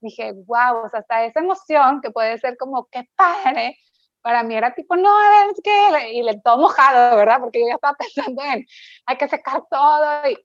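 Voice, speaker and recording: A woman's voice: on the high side, moderate pace, no echo, muffled recording. A woman with a Mexican Spanish accent, reflecting and telling a family story in casual conversation.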